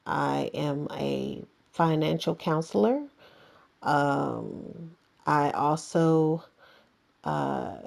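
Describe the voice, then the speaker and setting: A woman's voice: low-pitched, gravelly, darkish tone. A woman in her thirties, chatting at a cast reunion in a sassy, talkative way with many fillers. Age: 30s. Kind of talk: casual reunion chat.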